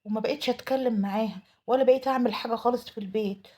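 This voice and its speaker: A woman's voice: on the high side, rapid-fire, a little mellow. A woman with an Egyptian Arabic accent telling a dramatic first-person story, in an emotional, pleading manner. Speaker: storyteller narrating a mother's tale.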